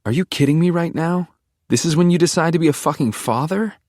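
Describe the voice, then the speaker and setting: An exasperated young woman, defiant and quick to snap, as a male audiobook narrator puts her on. The voice is pushed up higher and made to sound raised and strained. It is recorded close and dry, with no room sound. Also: pushed and bright, no room sound, heavily acted. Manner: exasperated, pleading and snapping.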